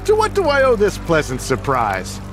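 An actor playing a menacing, hot-tempered older gang boss in a video game, theatrical and sneering. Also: male voice, high voice, wildly swooping pitch, moderate pace. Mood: mocking. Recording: loud music behind. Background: loud game music.

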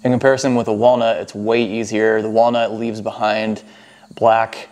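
A man in his thirties from America, working as a foraging vlogger, explains things in relaxed vlog talk through a lapel clip-on mic. His voice is fairly low and darkish, with a level tone and normal speed.

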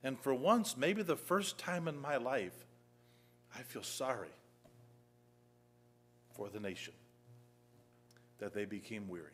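Earnest male pastor, mid-pitched voice, preaching in church, swings between emphatic reading and quiet reflection. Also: takes it slowly, long pauses, soft background music. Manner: earnest, rises to emphatic scripture reading, drops soft and low. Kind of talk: sermon.

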